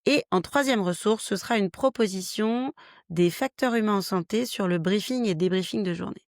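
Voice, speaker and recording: A woman's voice: mid-range voice, normal speed, dry recording, studio quality. A woman hosting a health podcast, explaining practical stress techniques in a frank, step-by-step way. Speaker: podcast host, health worker. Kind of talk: solo podcast talk, lightly scripted.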